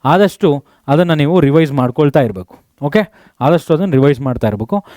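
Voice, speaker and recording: A man teaches an exam revision lesson, firing quick questions at students and dropping English terms into his talk. His voice sits high and rings smooth and clear. It is recorded close and dry, with no room sound. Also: animated, dark tone, no room sound. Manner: mixes English terms into speech.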